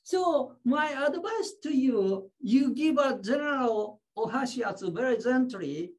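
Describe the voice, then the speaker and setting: High-voiced woman teaching very slowly. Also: animated, darkish tone. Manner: short phrases, acts out patients. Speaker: shiatsu teacher. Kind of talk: teaching through an interpreter.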